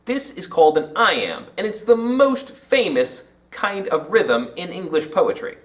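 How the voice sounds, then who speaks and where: A man explaining poetry terms in an educational video lesson, with emphatic, drawn-out example words. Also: high voice, big pitch swings, fairly bright tone, recorded from a distance.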